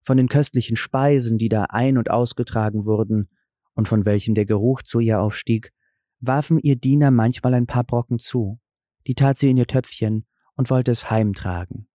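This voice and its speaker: A man narrating a fairy tale audiobook in a calm, measured storytelling manner. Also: mid-range voice, dry recording, studio quality.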